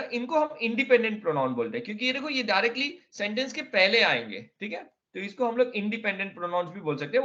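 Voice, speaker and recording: A man's voice: high voice, pushed and bright, highs cut off. A man teaching a classroom lesson, explaining step by step and often checking that students follow. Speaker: Arabic teacher.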